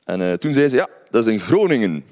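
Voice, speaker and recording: A man's voice: lowish voice, big pitch swings, quick pace, a little mellow. A man with a Flemish accent, from Belgium, telling a personal story in a chatty way, often tagging on little questions. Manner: conversational, often adds tag questions.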